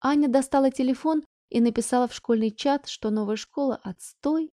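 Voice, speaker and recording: Woman audiobook narrator, steady and even, high-ish warm voice, dry booth sound. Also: moderate pace, no echo.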